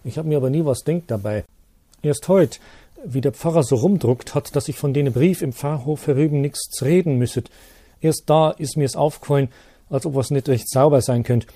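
A man's voice: medium pitch, normal speed, dark tone, no room sound, pitched above the performer's own voice, close to an everyday voice. A man voicing an old village postman who speaks hesitantly and apologetically. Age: older.

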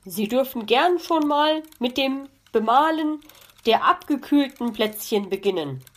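A woman's voice: sits high, animated, unhurried, voice pushed up. A woman voicing a genial, polite male fox baking cookies in a children's audiobook. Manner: courteous, amused and warm.

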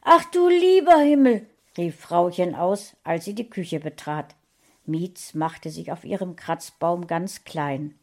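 A woman narrating a storybook with an expressive, unhurried reading. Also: on the low side.

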